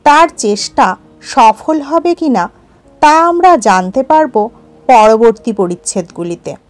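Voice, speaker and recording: A woman narrating a story in a measured storybook reading, as a storyteller for her listeners. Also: fairly high pitch, lively intonation. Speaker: audiobook narrator. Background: faint music.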